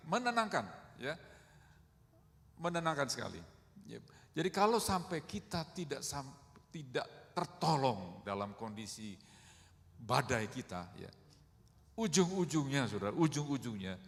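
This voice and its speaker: A middle-aged man preaching a sermon in a conversational way, often calling the congregation "saudara" and acting out quoted speech with big swings in loudness. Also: mid-range voice. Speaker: pastor. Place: church hall. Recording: long hall reverb.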